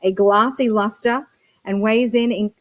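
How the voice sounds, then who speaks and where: A woman's voice: medium pitch, fairly even intonation, measured pace. A woman working as a live auctioneer, chanting bid numbers and prompts between short descriptions of the lots.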